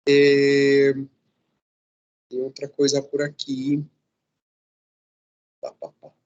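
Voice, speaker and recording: A man teaching a Portuguese class, correcting students' mistakes slowly and deliberately and checking in with a frequent "sim?". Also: medium pitch, slightly rough, highs cut off. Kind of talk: classroom lecture.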